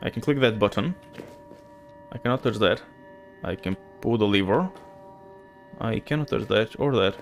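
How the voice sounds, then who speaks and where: A man from Bulgaria, lightly accented, speaks at a moderate pace in a fairly low voice and pauses often. Faint music sits behind his casual stream chat as he talks with viewers and thinks aloud while playing.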